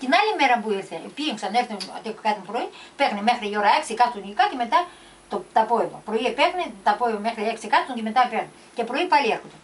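An older woman telling a story from memory in a halting way, with many restarts and repeated words. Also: on the high side, expressive. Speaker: storyteller recalling the past. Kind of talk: casual family storytelling. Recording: distant mic with faint background noise.

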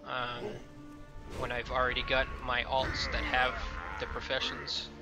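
A man's voice: mid-range voice, monotone, measured pace. A man hosting a let's play, talking casually over his game with frequent ums and a loose, rambling manner. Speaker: gameplay video host. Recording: game music playing behind.

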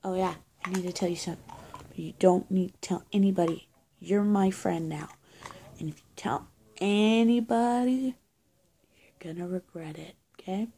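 In a small indoor room with bare walls, a young woman records an improvised roleplay to camera on a phone or webcam held at arm's length, playing a witch looking after someone hurt. Her voice is on the low side and warm, halting, confiding, and breathy, often near a whisper, with a little hiss or hum in the audio.

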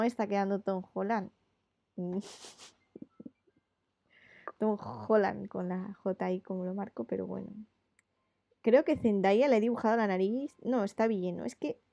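Chatty woman with a gravelly voice. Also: medium pitch, dark tone, no echo, muffled recording. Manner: chatty, rambling with many fillers. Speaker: illustrator. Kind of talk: casual chat while drawing live.

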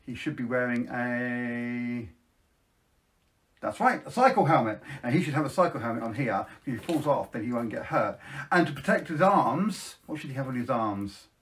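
A middle-aged man talking like a kids party magician, presenting tricks to camera and coaxing children to join in and shout along. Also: medium pitch, expressive, moderate pace. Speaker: children's magician, live show host. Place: small indoor room at home, facing camera.

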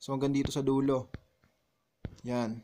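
A man's voice: mid-range voice, flat delivery, a little slow, background noise. A man giving a casual tutorial voice-over, walking viewers step by step through editing his vlog. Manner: walks viewers step by step, often calling them "mga tol". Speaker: vlogger explaining his editing.

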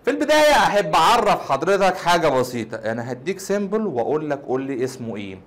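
A man's voice: fairly high pitch, sing-song, rapid-fire. A young man with an Egyptian Arabic accent, a chemistry teacher explaining casually, quizzing the listener and answering his own questions.

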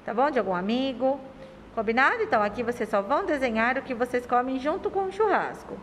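A Brazilian woman teacher talks to young children in a slightly high, sing-song voice. She drags out syllables and keeps asking affectionate questions. The recording has a long room reverb and faint background noise. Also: animated. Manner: sing-song, stretches words and syllables slowly. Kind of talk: remote lesson for young children.

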